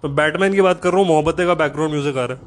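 A man delivering a sarcastic, animated comedic rant, peppered with swearing and quick asides. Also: fairly high pitch, faint music behind.

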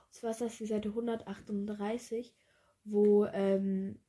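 A woman's voice: mid-range voice, flat delivery, measured pace, dark tone. A woman chatting casually about a book and reading a passage aloud, hesitant and thinking aloud as she goes. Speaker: book vlogger.

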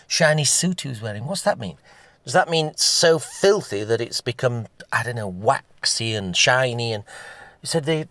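A man's voice: mid-range voice, bright, forceful tone, full character voice. A man doing a huffy posh gossip. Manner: theatrical, huffy, drawling darlings. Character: gossiping posh older Englishman, indignant and scandalised.

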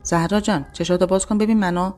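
A woman voicing a gentle mother who tenderly reassures her frightened daughter. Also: fairly low pitch, steady tone, soft background music, natural voice. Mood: soothing.

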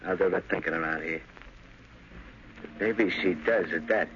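Low-voiced, domineering gangster, muffled recording. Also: male voice, measured pace, a bit bright. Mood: commanding. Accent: American. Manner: commanding, dismissive. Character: cold, domineering male gang boss's lieutenant. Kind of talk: 1930s radio crime drama acting. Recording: dull, noisy old radio recording.

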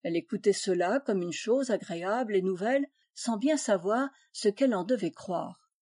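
A woman narrates a classic tale in an audiobook reading, with a measured, expressive delivery. Her voice is mellow and relaxed, recorded dry and close with no room echo. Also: mid-range voice. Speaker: audiobook reader.

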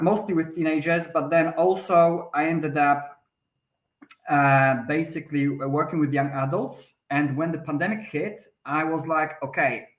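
Here the same kind of speaker, a podcast guest from Poland in his thirties, answers an interview question at length, stumbling through restarts and fillers. He has a mid-range, fairly bright voice with a Polish accent, captured in an echoey room.

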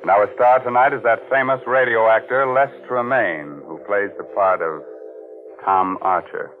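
Very deep, ghoulish vintage radio horror host played by a man. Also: narrow, tinny audio, faint music behind, natural voice. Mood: ominous. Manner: mock-sinister, theatrical, drawn-out delivery. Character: ghoulish, gleefully macabre male horror host. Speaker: host and narrator.

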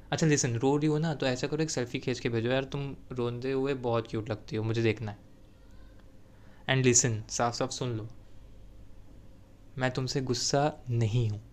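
A man's voice: medium pitch, a little mellow, natural voice. A man voicing an eager, flustered young man who reassures and jokes with his former partner in a told story. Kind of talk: storytelling role-play.

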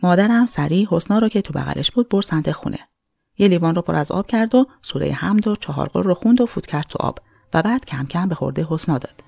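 A woman narrating a first-person horror story from a script, dropping low and quiet at tense moments. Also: expressive, vocal fry, no room sound. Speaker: podcast narrator. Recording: dry close mic with faint music bed.

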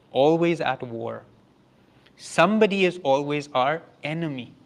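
A man giving a spiritual yoga lecture, earnest and often laughing, dropping to a soft hush for emphasis. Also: medium pitch. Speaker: yoga teacher.

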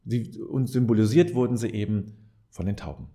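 This podcast host speaks directly to the listener in an earnest, almost preacher-like reflective monologue of advice, repeating key phrases to drive them home. His voice sits on the low side with a mellow quality and some vocal fry, and he talks at a normal speed.

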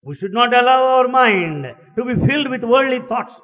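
A man interpreting a sermon line by line, measured and deliberate, on a dull archive recording in a large hall. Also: very high-pitched, lively intonation. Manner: slow, measured phrasing.

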